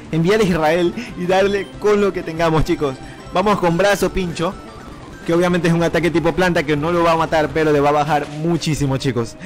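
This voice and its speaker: A man giving animated commentary over a video game, talking straight to his viewers and urging the game on with repeated cries. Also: fairly high pitch. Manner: talks to viewers as "chicos". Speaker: gaming YouTuber. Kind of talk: excited Let's Play commentary.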